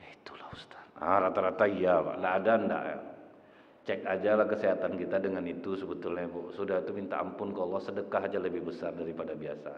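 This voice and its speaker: A man preaching an informal sermon in a mosque, telling the story in an animated way, often leaping up in pitch and addressing listeners as sir and ma'am. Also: fast. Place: mosque hall. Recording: echoey, dull mosque hall sound.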